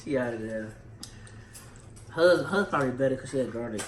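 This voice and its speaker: A woman's voice: very deep voice, expressive, a little fast. A young woman co-hosting a mukbang, teasing and chatting in casual slang while eating. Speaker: mukbang host. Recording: echoey room with background noise.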